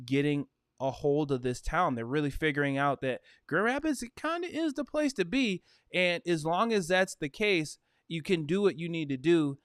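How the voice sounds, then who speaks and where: A man from Michigan hosts a casual realtor livestream, upbeat and chatty, with frequent fillers like "uh" and "you know." His voice is smooth, resonant, and on the high side, recorded dry and close on the mic with no echo or room sound.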